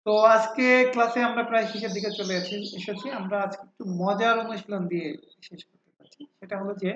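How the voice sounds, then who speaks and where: A man's voice: sits high, steady tone, fast, fairly bright tone, a little hiss or hum. Patient male teacher in a roomy space. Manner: patient, repeats example words many times; frequent hesitant fillers. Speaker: English pronunciation teacher. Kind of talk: classroom lecture. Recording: roomy, dull lo-fi sound.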